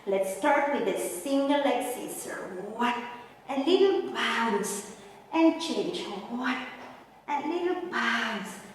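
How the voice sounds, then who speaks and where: High-voiced woman instructing in a very echoey room. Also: expressive, slow, slight background noise. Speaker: Pilates instructor leading a mat class. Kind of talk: exercise class instruction, step-by-step cues and counting. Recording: very echoey, reverberant room, distant mic.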